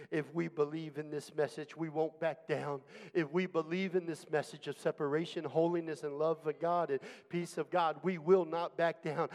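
A man's voice: a little high, darkish tone, smooth. A man preaching an impassioned church sermon as pastor, emphatic and declamatory, building on repeated phrases. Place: church hall during a service. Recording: long reverberant hall sound.

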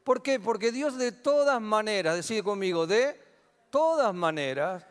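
A man's voice: high-pitched, animated, normal speed, clean tone. A man preaching a sermon with a Rioplatense Spanish accent, asking his congregation questions and answering them himself. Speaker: pastor. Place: church hall. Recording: long hall reverb.

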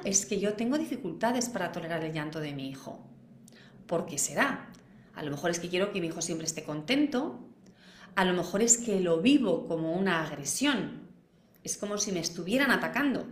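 A woman's voice: lowish voice, echoey room. A woman leading a live class for parents, talking practically and posing questions to the viewers. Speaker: parenting educator.

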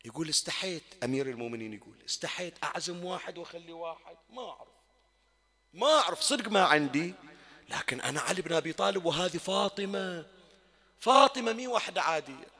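A man with a Bahraini Arabic accent giving a Shia mourning sermon, moving from soft storytelling to loud, wailing climaxes. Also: a little high, animated, fast talker. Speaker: preacher. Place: mourning hall.

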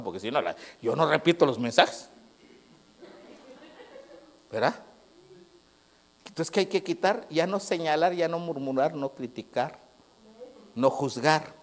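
Preacher, male, animated pitch, shifts from loud preaching to hushed anecdotes, plays out the dialogue himself. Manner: swings from loud preaching to low, quiet storytelling; acts out dialogue. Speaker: pastor. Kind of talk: sermon. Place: church sanctuary.

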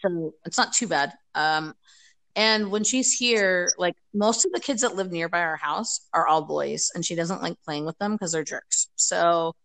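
A woman's voice: lowish voice, a little slow, fairly bright tone, poor audio. A woman from the United States chatting casually as a podcast guest over a video call, rambling with many fillers. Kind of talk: casual chat.

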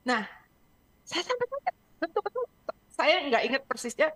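Middle-aged woman coach on a radio show; animated storyteller who code-switches into English. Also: high voice, normal speed. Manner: lively storytelling, sprinkles English phrases. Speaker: parenting and emotion coach, guest. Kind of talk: radio talk show interview.

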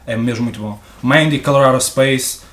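A man's voice: medium pitch, normal speed, fairly bright tone, echoey room. A young man with a European Portuguese accent, chatting casually, making crude jokes and dropping English phrases. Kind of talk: casual podcast chat.

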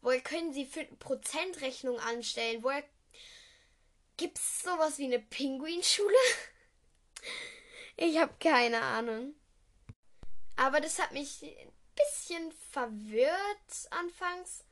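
A teenage girl from Düsseldorf talks on her own casual podcast, her voice pitched high. She rambles and corrects herself, dropping giggly asides. She speaks into a simple home microphone. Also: slow pace, pauses often, a bit bright. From Düsseldorf, Germany. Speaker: podcast host. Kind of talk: casual solo film-review podcast.

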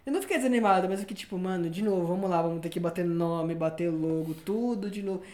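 A man's voice: sits high, fast. A young man with a Brazilian accent hosting a podcast, telling stories in a casual, slangy way and acting out what people said. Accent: Brazilian Portuguese. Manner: animated storyteller, slangy, acts out quotes. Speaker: podcast host. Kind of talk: casual chat. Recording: echoey room.

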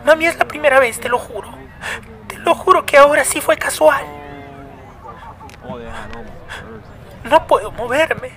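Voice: mid-range voice, expressive, moderate pace, a little mellow, lightly acted. An actor playing a bitter young boy in a radio drama. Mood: desperate. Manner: resentful, then pleading and desperate.

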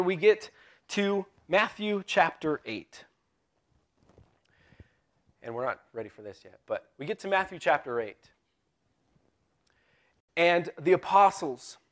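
A man preaching a live sermon in a church in a conversational way, with wry asides, swinging between loud emphasis and hushed tones. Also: on the high side. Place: church sanctuary.

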